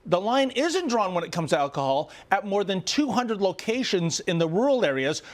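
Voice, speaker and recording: A man's voice: high voice, sing-song, normal speed. A man, a reporter talking through the issue in an indignant, rhetorical way. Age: 50s. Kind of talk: commentary chat.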